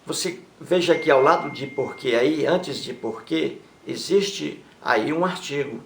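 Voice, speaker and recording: A man teaching a language lesson, reading example sentences slowly and with emphasis, often turning to the viewer to check they follow. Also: on the high side, gravelly, fairly bright tone, recorded from a distance, slight background noise. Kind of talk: grammar lesson. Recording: echoey room.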